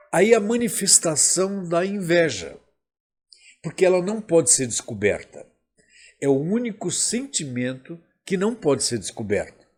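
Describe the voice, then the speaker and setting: A man with a Brazilian Portuguese accent preaching a sermon as pastor, slow and emphatic, with a husky voice. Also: fairly high pitch, a little mellow.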